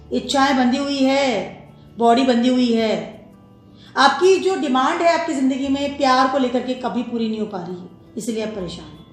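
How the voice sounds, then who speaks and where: A woman gives a pick-a-card tarot reading, mixing Hindi and English and stopping often to check that the listener follows. Her voice sits a little high. The room is very echoey, and music plays behind her. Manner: mixes Hindi and English, warm advising tone with frequent "okay?" check-ins.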